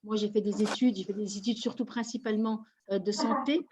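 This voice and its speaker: A woman's voice: medium pitch, steady tone, a little fast, noisy background. A woman from Belgium giving a live online presentation, effusive, greeting attendees by name. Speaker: network marketing presenter.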